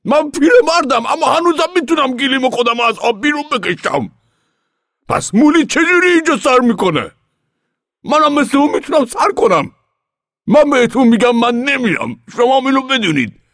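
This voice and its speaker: A man voicing a stubborn, defiant old grandfather farmer who shouts and drags out his words. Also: mid-range voice, sing-song, no room sound, clean studio sound, pitched above the performer's own voice. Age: older.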